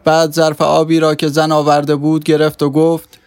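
Male audiobook narrator, steady storytelling, slightly high, dry close mic. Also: clean tone, dry recording.

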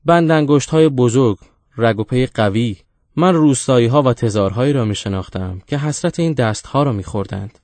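A man voicing a crude, mocking ancient witch woman, with a shrill screech that climbs higher, in a storybook reading. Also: darkish tone, no echo, lightly acted. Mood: sly.

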